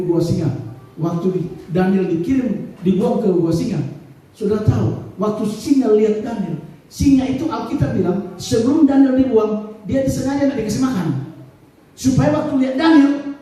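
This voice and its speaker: A man preaching a sermon as pastor, animated and acting out the stories he tells. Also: sits high. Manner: animated storytelling, acting out scenes. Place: church. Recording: echoey church hall, distant mic.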